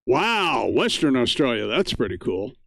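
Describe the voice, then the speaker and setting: A man's voice: mid-range voice, sing-song, measured pace, vocal fry, a bit bright, dry recording. An American man, middle-aged or older, hosting an amateur radio net in a chatty, folksy, casual way.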